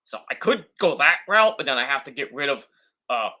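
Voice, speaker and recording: This forty-something YouTuber's medium-pitched voice is sing-song, sharp, and a little fast, and the recording has its highs cut off. He rambles casually from his desktop computer at home, full of fillers and mid-sentence corrections.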